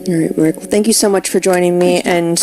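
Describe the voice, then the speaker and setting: A woman's voice: lowish voice, steady tone, fairly quick, mellow. A woman interviewing competitors, polite and direct. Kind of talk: post-match interview.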